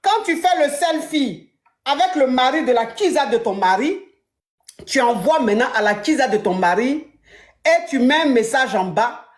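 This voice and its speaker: A woman coach talking through a caller's story, animated and acting out the lines of the people in it. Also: high voice, moderate pace, reverberant. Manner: animated, acts out dialogue. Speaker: relationship coach host. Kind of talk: casual advice talk.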